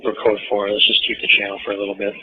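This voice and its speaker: A man's voice: fairly low pitch, monotone, racing, breathy edge. A man speaking as a police officer at a scene, giving clipped, businesslike calls over a walkie-talkie. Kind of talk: terse police radio calls. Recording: archival lo-fi police radio.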